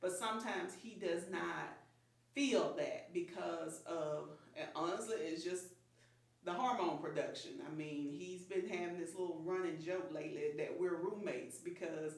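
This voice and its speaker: A woman's voice: on the low side, a little slow, gravelly. A woman in her fifties speaking frankly and openly as a guest in a casual chat. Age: 50s. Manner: frank, open, laughs easily. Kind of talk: candid personal chat. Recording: echoey room, voice from far off.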